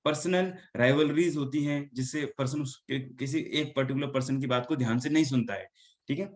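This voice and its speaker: A man's voice: medium pitch, brisk. A male teacher giving an online class lecture, mixing Hindi and English and often checking in with the students. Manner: mixes Hindi and English, keeps asking "ठीक है?". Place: indoor room.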